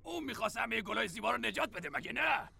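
A gravelly alien enforcer. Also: male voice, very high-pitched, lively intonation, pushed and bright, exaggerated voice. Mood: menacing. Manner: harsh, threatening. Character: gruff stern male alien enforcer, mid-aged. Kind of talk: cartoon dub.

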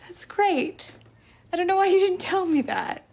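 A woman's voice: extremely high pitch, expressive, measured pace, gravelly, darkish tone, exaggerated voice. An actress playing a flustered, chatty young woman in a sitcom scene. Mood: awkward. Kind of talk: sitcom acting.

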